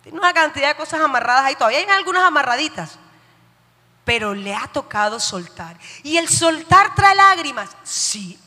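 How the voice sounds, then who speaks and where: High bright woman preaching a sermon. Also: lively intonation, moderate pace. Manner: emphatic, asks the listeners questions. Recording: long hall reverb.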